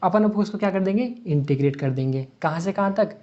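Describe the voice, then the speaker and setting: A man's voice: high-pitched, fast talker, darkish tone. A man teaching a physics lecture, working steps on a board while asking and answering his own questions and mixing in English math terms. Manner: asks rhetorical questions and answers them step by step. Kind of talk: exam-prep lecture worked on a board. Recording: dull lo-fi sound.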